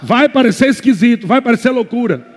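A Brazilian man preaching a fervent sermon as pastor, moving between quiet asides and shouted exhortations. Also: very high-pitched, lively intonation, a little fast, in a large hall. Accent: Brazilian Portuguese.

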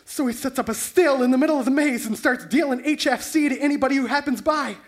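Woman voicing a nervous rambling suspect, high voice, spilling everything, radio comedy. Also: lightly acted. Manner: fast rambling confession. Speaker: actor in a comedy radio play.

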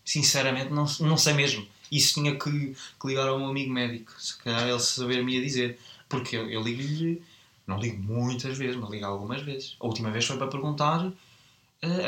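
A man with a European Portuguese accent in casual chat, joking in a dry, deadpan way. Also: medium pitch, roomy sound.

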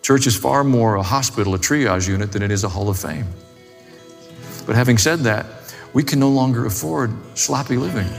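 This preacher has a mid-range voice with some vocal fry and keeps a moderate pace. He delivers his sermon in a forceful, plain-spoken style, hammering points with brief repeated phrases, while faint music plays in a long, echoing hall.

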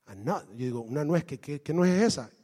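A man preaching a sermon, lively, switching between Spanish and English and asking the congregation questions. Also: on the high side, fairly quick, big-room sound. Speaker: pastor.

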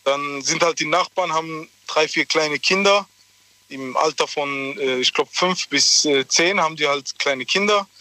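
A young caller phones in from his car over the hands-free system, his voice sometimes a little distant from the microphone. He sits a bit high and sounds very bright. He tells his story in a halting, rambling way, from southwest Germany. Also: no echo. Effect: phone call through a car hands-free speaker system, at times distant from the mic. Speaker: radio call-in caller.

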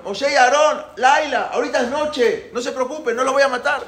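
A man voicing a panicked Egyptian king who shouts high and shrill, heard in an echoey room. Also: rapid-fire. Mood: coaxing. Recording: echoey room, faint background noise.

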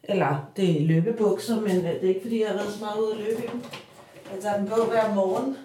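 This personal audio diary comes from a middle-aged Danish podcast host with a warm, mid-range voice. Her slow, reflective voice-over is hesitant and self-deprecating, packed with fillers, and there's slight background noise plus popping P sounds from her handheld mic.

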